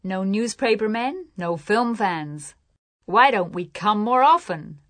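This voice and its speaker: A woman voicing a relaxed male film actor enjoying a quiet picnic, in a lesson story read aloud. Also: medium pitch, slow pace, dry recording. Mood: pleased.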